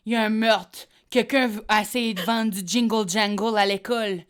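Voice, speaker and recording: A woman's voice: medium pitch, fairly even intonation, moderate pace, smooth, natural voice. A woman playing a dramatic teenage girl from a TV teen drama, announcing things in a breathless, melodramatic way.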